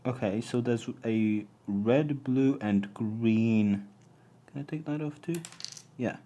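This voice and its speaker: While disassembling an old camera live, a man born in Poland and raised mostly in England speaks slowly in a mellow, medium-pitched voice, hesitating, restarting, and murmuring to himself. The audio has its highs cut off and slight background noise.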